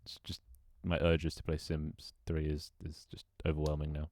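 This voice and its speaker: A young man's mellow, rumbling low voice stays completely flat at normal speed in a dry recording. He's gaming on a live stream, chatting casually with viewers and to himself during setup, rambling and often restarting with laughs.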